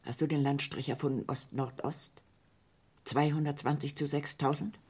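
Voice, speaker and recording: Sceptical scolding sister, radio play, husky, lowish voice, reproachful. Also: female voice, steady tone, normal speed, a little mellow. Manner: reproachful, insistent. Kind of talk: surreal radio play acting.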